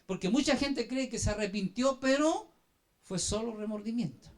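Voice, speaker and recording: A man preaching a sermon as an apostle, telling a story dramatically and urging the congregation to answer and turn to one another. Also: normal speed. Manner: dramatic storytelling, swinging from hushed low phrases to loud emphatic bursts; addresses the congregation directly with call-and-response prompts.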